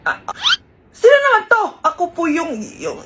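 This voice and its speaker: A woman doing a shrill flamboyant young man. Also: huge pitch swings, moderate pace, exaggerated voice. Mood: frantic. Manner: shrill, shouting, dramatic. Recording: loud background music.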